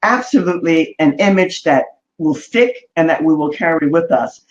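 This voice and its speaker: A woman's voice: low voice, lively intonation, normal speed, lo-fi sound, slight background noise. A woman hosting an interview show, responding with affirming, effusive praise for her guest. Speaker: talk show host. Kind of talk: interview conversation.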